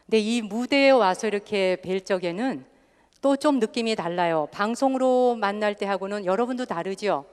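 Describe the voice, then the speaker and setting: A Buddhist nun talks to an audience from a stage, lively and laughing often, dropping her voice to mimic dialects. Her middle-pitched voice rings with long reverb from the live hall. It is warm storytelling rather than a formal sermon. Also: moderate pace, clean tone. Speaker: Buddhist nun hosting a live public broadcast.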